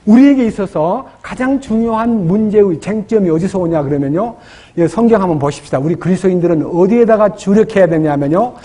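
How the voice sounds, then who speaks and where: Korean pastor guy preaching, husky voice pitched up high, keeps asking the church questions. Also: a little fast, warm tone. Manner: preaching with questions to the congregation and acted prayers. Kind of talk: sermon.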